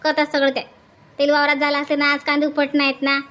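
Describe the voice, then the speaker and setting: In a comedy sketch, a woman plays a bossy village woman who keeps nagging her sister-in-law, coaxing, scolding and repeating her urgings insistently. Her voice is high and fairly bright, she talks fast, and her delivery is completely flat.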